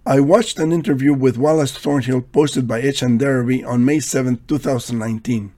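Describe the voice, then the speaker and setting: A man's voice: medium pitch, fairly even intonation, a little fast, warm tone. A man reading scripted commentary in a dry, questioning, critical manner.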